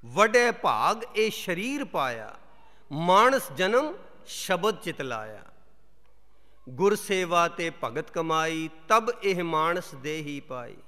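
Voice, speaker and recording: A man giving a sermon, reciting scripture verses in a slow chant and explaining them between the verses. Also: on the high side, very animated, pushed and bright. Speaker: Sikh preacher. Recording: long hall reverb.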